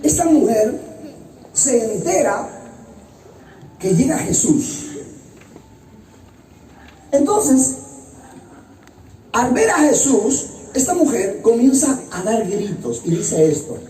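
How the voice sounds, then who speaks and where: A man, an evangelist pastor, preaching an impassioned sermon that swings between loud high exclamations and low hushed phrases. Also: very animated, takes it slowly, long pauses, slight background noise. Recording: roomy and distant with loud music. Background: loud music.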